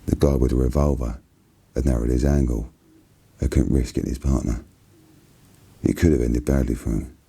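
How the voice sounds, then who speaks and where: A man with a Cockney accent reads a novel aloud in a soft, hushed ASMR style, husky and unhurried. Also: very deep voice. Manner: hushed, unhurried, even narration.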